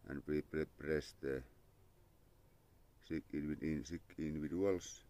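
Live-streaming from under a parasol in his yard, a young adult from Finland speaks in a rumbling low, mellow voice. His intonation stays fairly even and his pace is unhurried. He chats casually in a Finnish accent, thanks followers, and mutters to himself into a phone camera held at arm's length.

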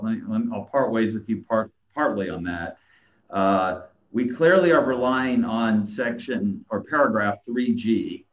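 This is courtroom oral argument from a middle-aged attorney on a video call, his webcam capturing dull, lo-fi audio in a small, plain indoor room. With a lowish voice, he makes stammering restarts on his appeal before moving into measured legal reasoning.

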